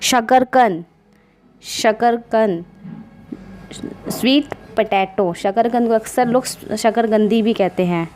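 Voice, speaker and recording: A woman teaching vocabulary slowly and patiently, spelling each word out letter by letter. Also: a little high, darkish tone, soft background music. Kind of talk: slow, patient vocabulary lesson.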